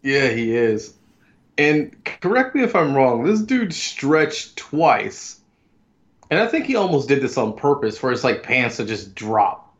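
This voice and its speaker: A man's voice: medium pitch, very animated, measured pace. A man co-hosting a podcast with casual, informal, joking reactions. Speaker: podcast co-host. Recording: slightly dull, lo-fi sound.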